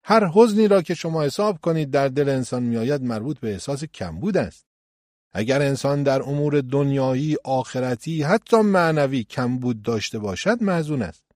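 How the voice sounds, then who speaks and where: A man gives a religious lecture in a measured teaching tone. His pitch rises and falls freely, and he slows down whenever he recites scripture. The sound is dry and close, with no room echo. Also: animated, a little mellow. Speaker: cleric.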